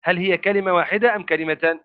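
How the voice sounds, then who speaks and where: Male grammar teacher, high voice, phone-line audio, explains step by step. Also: fairly even intonation, rapid-fire, clean tone. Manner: repeats and restarts words while thinking, asks rhetorical questions. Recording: phone-like narrow sound.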